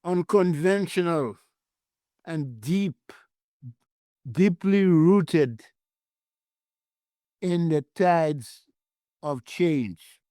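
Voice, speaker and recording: An older man from Saint Lucia, a guest author telling stories of his life at sea in an unhurried way, sometimes searching for words. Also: on the high side, animated, dark tone, dry recording, studio quality. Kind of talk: podcast interview.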